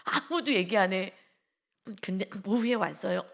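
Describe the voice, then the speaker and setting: Middle aged lady pastor, early morning sermon, kinda gravelly voice, tells stories n laughs a lot. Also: mid-range voice, animated, moderate pace, fairly bright tone. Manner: emotional storytelling with frequent laughs. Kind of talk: dawn devotional sermon.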